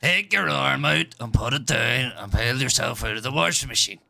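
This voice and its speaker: A man with a heavily gravelly, fried voice and a sharp, tense edge to it. He plays his part in a game roleplay gruffly and impatiently, peppering every line with curses. Middle-pitched and blunt. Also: moderate pace. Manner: gruff, swears constantly, impatient. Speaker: roleplay player in a job interview.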